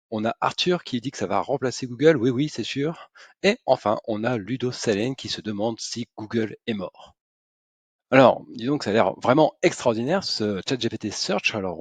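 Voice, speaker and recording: A man's voice: medium pitch, breathy edge, no echo. A man giving an ironic explainer monologue, sarcastic and hesitant with frequent fillers. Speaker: SEO and AI commentator.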